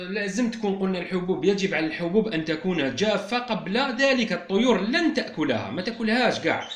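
An Algerian-accented man keeps up a quick, chatty explanation as he talks straight to his viewers. He is a bird keeper giving a casual video talk. The sound rings around a roomy, echoey space. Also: a little high, a bit bright. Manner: explanatory, addresses viewers directly and informally.

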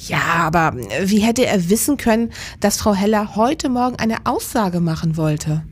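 A radio drama actress with a medium-pitched, slightly rough voice and lively intonation speaks at a normal pace. In a crime radio play she portrays a police investigator who is attentive and supportive, sounding alert and questioning.

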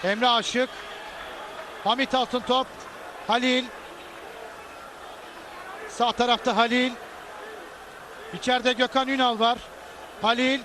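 A man calling live football play-by-play, excitable, shouting and drawing out his exclamations. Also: very high voice, takes it slowly, pauses often. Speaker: football commentator. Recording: loud stadium crowd roar, heavy noise. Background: roaring football stadium crowd.

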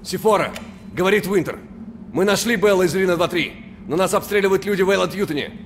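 A man's voice: high-pitched, quick pace, slight background noise. An actor playing a dutiful, disciplined male marine soldier reporting in, in a video game. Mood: brisk, focused.

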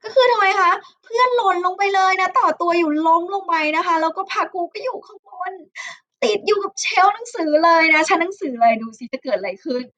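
A young Thai woman teacher with a Thai accent, retelling a storybook to children. Her voice is high and bright, with a clipped, dry sound close to the mic. She unpacks each page patiently and tags her phrases with soft polite particles. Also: animated, a little fast, no echo. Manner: warm, chatty, many polite "ná khá" tags.

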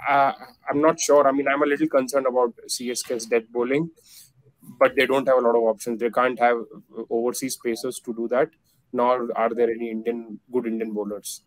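A man's voice: mid-range voice, little pitch movement, a little fast, poor audio. A man in his thirties giving cricket analysis on a video call, with many fillers and restarts. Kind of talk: casual panel discussion. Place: plain indoor room. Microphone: video call webcam.

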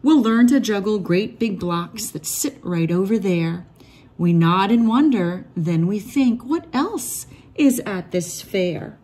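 In measured, expressive storyteller fashion, a woman with a medium-pitched voice reads aloud from a rhyming picture book meant for kids.

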